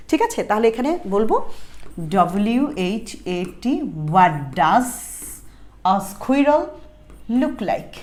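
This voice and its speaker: Young woman, English exam-prep teacher, patient slow reading, quick asides, rising check-in questions. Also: fairly high pitch, darkish tone. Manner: explains slowly, then rapid asides, asks "ঠিক আছে?" with a rising tone. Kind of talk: online exam-prep lesson.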